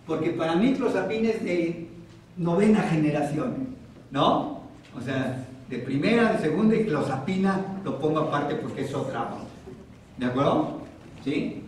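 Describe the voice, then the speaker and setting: A man with a Mexican Spanish accent giving a psychoeducation lecture as a psychiatrist, questioning the audience and repeating key terms slowly. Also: fairly high pitch, slight background noise. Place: hospital lecture room. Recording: very echoey room from far off.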